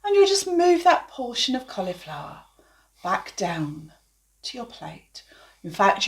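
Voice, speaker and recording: A woman's voice: on the high side, a bit bright. A woman teaching hypnotherapy, explaining and then demonstrating dramatic aversive suggestions in a hypnotic voice.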